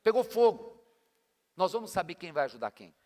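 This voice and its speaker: A man's voice: sits high, sing-song, moderate pace, warm tone. A pastor, preaching a sermon in an emphatic, colloquial way with slangy asides to his congregation. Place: church hall. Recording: long church-hall reverb.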